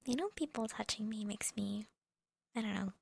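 In an ASMR girlfriend roleplay, a young woman whispers softly and teasingly into a close microphone, breaking into little laughs. Her voice is gravelly, at a medium pitch and a moderate pace.

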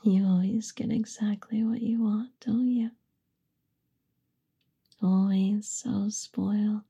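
A woman's voice: medium pitch, fairly even intonation, slow, creaky, warm tone, slightly rough. A young woman whispering an affectionate, soothing ASMR roleplay. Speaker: ASMR performer.

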